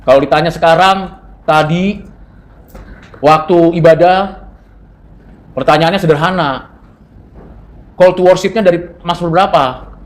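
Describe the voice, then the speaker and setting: A man's voice: a little high, unhurried, pauses often. A man from North Sumatra giving a seminary classroom lecture in a conversational way, quizzing his students and dropping in English terms. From North Sumatra, Indonesia.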